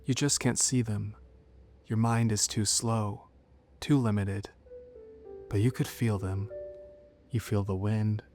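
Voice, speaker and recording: A seductive, menacing demon woman from a horror tale, acted out by a man in a low voice. The speech coaxes in cryptic lines and slips toward whispers. Music plays underneath. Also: fairly even intonation. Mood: hypnotic, inviting. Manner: slow, coaxing, cryptic speech with soft whispered turns. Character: seductive, menacing female sleep paralysis demon, coaxing and cryptic.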